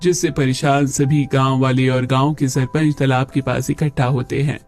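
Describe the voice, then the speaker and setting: A man's voice: little pitch movement, normal speed, darkish tone, soft background music. A man narrating a cartoon story and doing the voices of every figure. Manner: plays women and children by raising his pitch.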